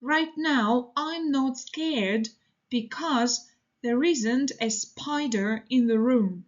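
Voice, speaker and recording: A woman teaching English, reading model sentences for learners in a slow, deliberate, evenly paced way. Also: high-pitched, lo-fi sound.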